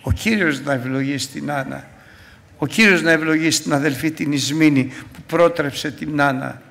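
A man preaching a sermon as pastor in a church, fervent and loud at his peaks. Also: a little high, gravelly, big-room sound. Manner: preaching with rising fervor, shouting at the peaks.

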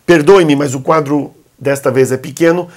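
A man whose first language is Arabic, teaching letters at a whiteboard in a classroom. His voice sits a little high for a man, and his delivery is patient and coaxing. He slows right down to say each sound clearly. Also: steady tone, a little mellow. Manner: patient, coaxing, repeats sounds slowly for the learner. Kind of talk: whiteboard alphabet lesson.

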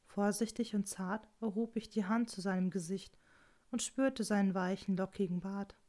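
A woman narrating a novel in the first person, calm and intimate. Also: medium pitch, moderate pace. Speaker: audiobook reader.

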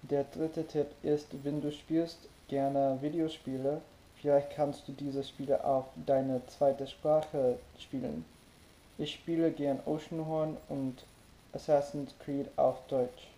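A young American man, a native English speaker, talks to camera as a vlogger with an American accent. His voice is very dark and relaxed, and he speaks slowly and carefully in simple phrases. The small room adds echo. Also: on the high side. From United States. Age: young adult. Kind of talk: language-tips vlog to camera. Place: small bedroom, indoors. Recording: roomy, echoing bedroom sound.

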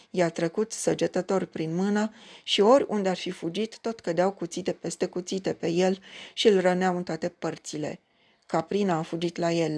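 Gravelly low-voiced woman reading a fairy tale. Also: a little mellow. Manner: measured, storytelling cadence. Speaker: storyteller. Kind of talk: fairy tale read aloud.

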